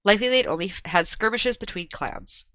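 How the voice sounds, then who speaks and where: Sick woman podcast host, dry and bright. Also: medium pitch, lively intonation, brisk, no room sound, highs cut off. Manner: reads the recap steadily, with frequent laughs in the banter. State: sick, strained voice. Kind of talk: casual book discussion with chapter recap.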